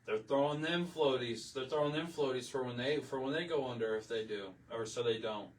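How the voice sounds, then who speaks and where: A man's voice: mid-range voice, fairly quick, far from the mic, poor audio. A man hosting a livestream, delivering a heated, emotional rant, repeating himself and swearing. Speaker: livestream host. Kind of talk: impassioned political livestream rant.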